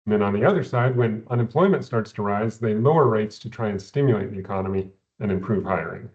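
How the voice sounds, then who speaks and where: A man, an investment adviser, explaining economics in a measured way, often repeating words at the start of phrases, heard over a video call. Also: on the low side, expressive, a little mellow, muffled recording. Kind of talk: explaining economics in a recorded company Q&A.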